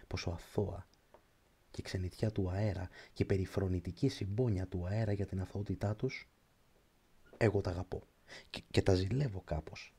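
A man reading a literary prose audiobook in a slow, measured, reflective way. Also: low-pitched, dark tone, slightly rough. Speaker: audiobook narrator.

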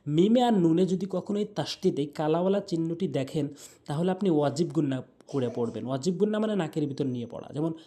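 A man from Bangladesh teaching Quran pronunciation in Bengali, spelling out letters and vowel marks and then chanting each verse in long, drawn-out recitation. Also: fairly high pitch, expressive, warm tone. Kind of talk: patient tajweed lesson.

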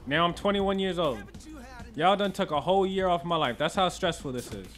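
Guy doing a goofy game playthrough, slangy and jokey, voice bouncing all over, kinda high. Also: animated, fairly quick, faint music behind. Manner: joking, slangy, loud reactions. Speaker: gaming channel host. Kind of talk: casual playthrough commentary.

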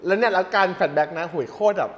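A man with a high voice who talks quickly and gets excited easily. He swears freely in casual reaction chat. The recording has a long reverb tail and a faint hiss underneath. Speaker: reaction video co-host. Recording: reverberant room with faint noise.

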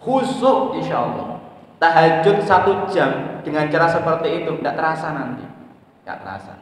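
A man's voice: fairly high pitch, moderate pace, recorded from a distance. Echoey man preaching in a mosque. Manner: animated, acts out prayers and dialogues, swings between loud and soft. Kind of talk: morning religious study sermon. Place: mosque hall. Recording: echoey mosque hall, mic from afar.

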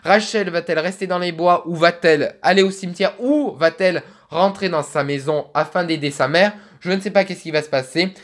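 A man's voice: sits high, fairly quick, hardly any pauses. A young man hosting a let's play, musing aloud and chatting as he reads a story game.

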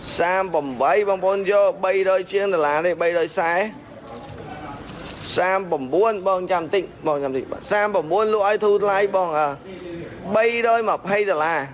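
A man from Cambodia working as a phone shop seller, reeling off one phone model and price after another in a steady sales patter. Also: high-pitched, measured pace.

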